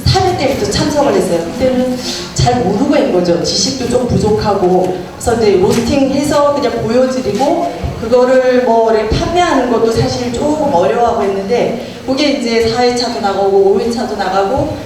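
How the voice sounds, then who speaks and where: Speaking to a gathering in a community meeting room, a middle-aged guest speaker with a Gangwon Korean accent casually tells her story about a local club, filling it with fillers. Her voice is on the high side and expressive, at normal speed with hardly any pauses, recorded from afar in an echoey, noisy room.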